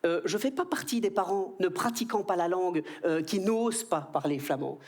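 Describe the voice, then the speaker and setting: A man in his thirties with a Belgian French accent, performing an animated stand-up comedy routine on stage. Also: high-pitched, normal speed. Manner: animated, jumps into quoted voices. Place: stage before a live audience.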